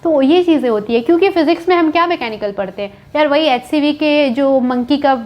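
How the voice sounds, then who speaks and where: High-voiced young woman giving candid advice. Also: lively intonation, fairly quick, highs cut off. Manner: candid, chatty, mixes English words into speech, keeps asking "right?". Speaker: coding educator on a video channel. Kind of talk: casual advice talk to students.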